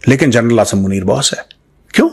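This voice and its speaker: An animated man with an Indian accent talks fairly quickly to viewers in unscripted political commentary, emphatic and repetitive, asking rhetorical questions and weaving in English phrases. His medium-pitched voice is slightly rough with vocal fry.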